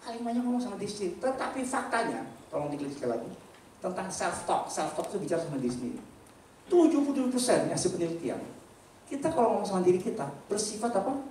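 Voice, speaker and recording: A male pastor giving an animated sermon, with rhetorical questions, loud emphatic peaks and casual slangy asides to the congregation. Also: sits high, quick pace, slight background noise. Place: church hall. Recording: echoey church hall from a distant mic.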